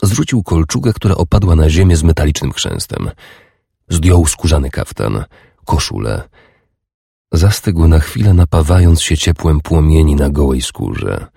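Casting: a deep, raspy male narrator reading slowly and intimately, dry studio sound. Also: sing-song, dark tone, no echo. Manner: slow, measured, sensual reading. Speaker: audiobook narrator. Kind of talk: scripted narration.

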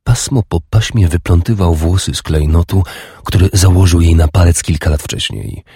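A man reading a historical romance audiobook in a slow, measured and sensual way. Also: low voice, warm tone, slightly rough, dry recording, clean studio sound. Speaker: audiobook narrator. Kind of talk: scripted narration.

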